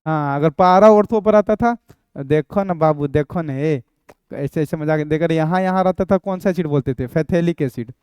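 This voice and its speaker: Young man, high yet mellow, smooth voice; teasing chemistry tutor. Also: moderate pace, no room sound. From Bihar. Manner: playful, banters with imagined students, sings a snatch. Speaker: chemistry teacher. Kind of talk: exam-prep lecture.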